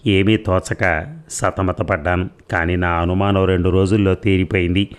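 A man narrating a first-person audio story with a measured, steady reading. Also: low voice, smooth.

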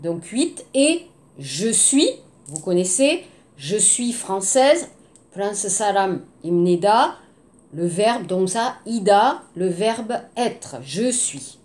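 A woman's voice: medium pitch, very animated, a little mellow. A woman teaching French, patiently repeating words and drilling pronunciation. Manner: patient, repeats words slowly, mixes in Korean. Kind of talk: language lesson, drilling words.

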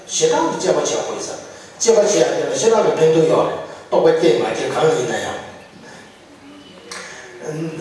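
A man, a Buddhist lama, giving a religious teaching in a loose, halting way with frequent chuckles, recorded from a distance in a large monastery hall. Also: on the high side, a little mellow, a little hiss or hum. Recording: echoey hall from far off.

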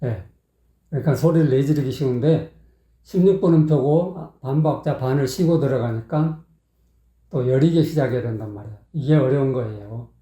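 A man's voice: mid-range voice, normal speed, mellow. A man critiquing a singer's performance, blunt and scolding, dropping in short affirmations as he breaks the song down. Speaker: singing critic. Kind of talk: song analysis commentary. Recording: roomy echo.

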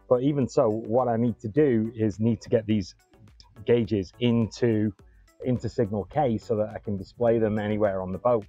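A man in his fifties chats casually in a dark, mellow voice. He sits outdoors in a sailboat cockpit, recorded by a mounted camera. The sound is dull and dry, with faint music behind him. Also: fairly low pitch, no room sound. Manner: relaxed, chatty, self-correcting. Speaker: boat owner presenter. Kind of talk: casual on-board explanation.

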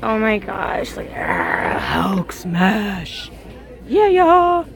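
A woman's voice: medium pitch, huge pitch swings, very slow, gravelly, a crowd in the background. Gushing woman vlogging in a busy store. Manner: bubbly, gushing over cute finds. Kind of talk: casual shopping vlog narration. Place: large indoor store. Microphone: handheld phone camera. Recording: crowded store background.

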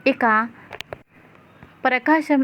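A woman's voice: sits high, flat delivery, drawn-out words, fairly bright tone, slight background noise. A woman retelling a soap opera plot, voicing the characters' lines as she goes. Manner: recounts the plot and voices each character's lines in turn. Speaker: serial recap narrator. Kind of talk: dramatic story retelling.

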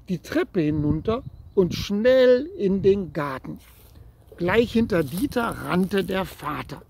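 A man with a husky, high-sitting voice gently reads a children's story aloud, addressing the listening child directly.

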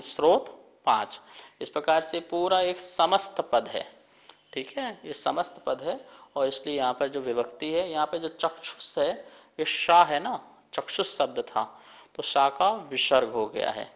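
A man leading a televised scripture lesson, calmly explaining and drilling careful pronunciation. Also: fairly high pitch. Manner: leads call-and-response recitation. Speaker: religious teacher leading a scripture class.

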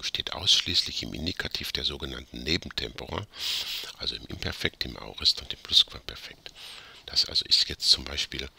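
A man's voice: a bass voice, gravelly, bright, forceful tone, a little hiss or hum. A man tutoring in a casual grammar lesson, rambling a bit, correcting himself and joking about his own slips.

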